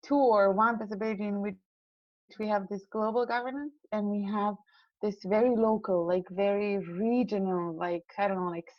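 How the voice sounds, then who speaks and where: Young woman guest from Serbia, idealistic, halting with fillers; muffled, dry audio. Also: medium pitch, fairly even intonation, dry recording. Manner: earnest, idealistic, frequent fillers and restarts. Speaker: guest, climate scientist. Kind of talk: casual interview talk.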